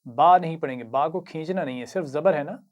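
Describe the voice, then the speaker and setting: A man with an Urdu accent teaching Quran reading, patiently explaining each word, reciting it slowly and praising the learner. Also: a little high, highs cut off. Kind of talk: slow instructional lesson.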